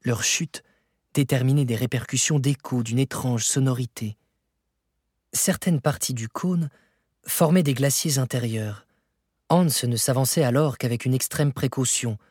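Man, audiobook narrator, husky voice, dry close sound, measured expressive storytelling. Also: mid-range voice, no room sound. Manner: measured, expressive reading that rises for dramatic moments. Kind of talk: scripted narration of a novel.

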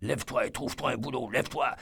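A man voicing a harsh, drunken old father who growls and shouts his words, with a gravelly voice. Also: medium pitch, fairly even intonation, fast talker. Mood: shouting. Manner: gruff, shouting and slurring when angry.

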